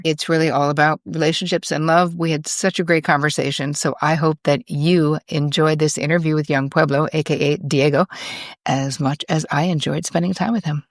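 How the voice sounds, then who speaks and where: A woman hosting an interview podcast, talking in a gushing, animated way, full of praise and fillers. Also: deep voice, no echo, clean studio sound. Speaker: podcast host. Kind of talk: effusive interview chat.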